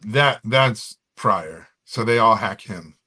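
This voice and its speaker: A man's voice: fairly low pitch, lively intonation, takes it slowly, bright, forceful tone, breathy edge. A man talking casually in a podcast conversation, rambling with many restarts. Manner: rambling, many fillers and restarts, drops into comic voices. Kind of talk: casual chat.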